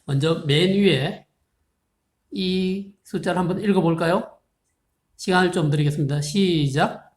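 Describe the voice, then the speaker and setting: Patient math teacher in an echoey room. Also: medium pitch. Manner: slow, patient explaining, reading digits out one by one; polite formal speech, asking viewers questions. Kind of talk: recorded video lesson. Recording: roomy, echoey room sound.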